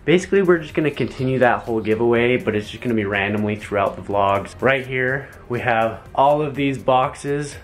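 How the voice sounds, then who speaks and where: A man's voice: medium pitch, fairly quick, few pauses. A young man in his twenties vlogging casually, with a laid-back, matter-of-fact way of talking into a handheld camera. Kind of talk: casual vlog.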